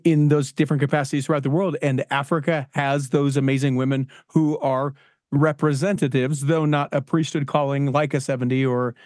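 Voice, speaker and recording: A man hosts a casual podcast interview, talking enthusiastically and rambling with many restarts. His voice is fairly high and a little mellow. The studio-quality recording has no echo.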